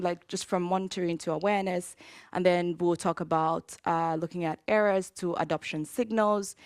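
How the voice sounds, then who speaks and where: A woman from Zambia giving a conference talk, in a conversational way with frequent pauses and fillers. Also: on the low side, no room sound, clean studio sound. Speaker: conference speaker. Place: conference hall.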